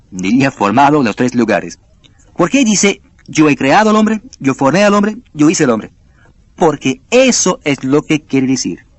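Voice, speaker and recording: A man teaching a Bible class, who reads verses slowly, repeats key words for emphasis and asks his listeners rhetorical questions. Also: on the high side, dry recording. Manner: reads scripture aloud slowly and deliberately.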